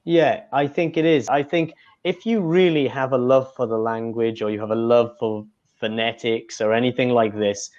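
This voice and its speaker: A man's voice: mid-range voice, fairly even intonation, moderate pace, darkish tone, dull audio. A man from Wales, an English tutor, answering interview questions in a chatty, casual way with many fillers.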